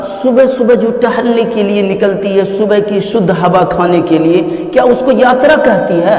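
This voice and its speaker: High-voiced man lecturing in an echoey hall. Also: darkish tone. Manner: lecturing, sarcastic, addresses listener as daughter. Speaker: Islamic cleric. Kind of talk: scolding rebuttal speech.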